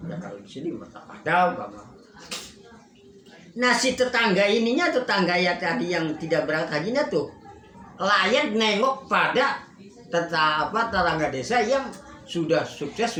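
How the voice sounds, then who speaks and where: Animated preacher telling a story. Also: male voice, fairly high pitch, a little hiss or hum. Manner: animated, rising to emphatic bursts. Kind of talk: storytelling sermon. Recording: roomy echo, faint ambience.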